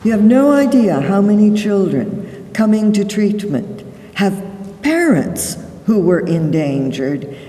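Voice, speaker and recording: A woman psychologist giving a conference lecture, explaining deliberately and stressing key words. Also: mid-range voice, dark tone. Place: large conference hall. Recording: echoey hall, voice from far off the mic.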